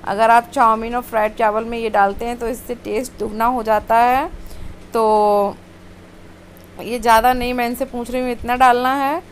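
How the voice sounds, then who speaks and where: A woman's voice: fairly high pitch, flat delivery, moderate pace, slight background noise. A woman vlogger chatting casually over home video of her kitchen, homely storytelling with many fillers.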